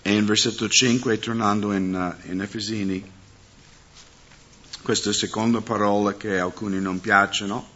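A man's voice: fairly low pitch, fairly even intonation, moderate pace, pushed and bright. A man preaching as a pastor, speaking to his congregation and often asking them questions. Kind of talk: sermon. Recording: dull muffled sound.

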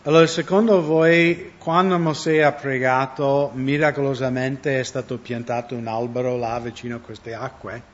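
A man's voice: mid-range voice, flat delivery, normal speed, few pauses. Man preaching a sermon, lo-fi. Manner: conversational, asks the audience questions. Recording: dull lo-fi recording.

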